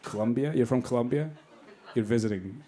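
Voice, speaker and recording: Brisk and mid-range, this young Bangladeshi comedian's voice cuts through a very noisy club recording. He teases the audience with crass, brash banter as loud laughter erupts.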